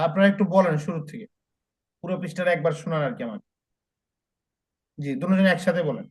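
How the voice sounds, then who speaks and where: A male Quran teacher leading a lesson, chanting Arabic letter-and-vowel drills slowly and then explaining quickly. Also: sits high, darkish tone. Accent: Bangladeshi Bengali. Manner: slow syllable drills, then brisk explaining.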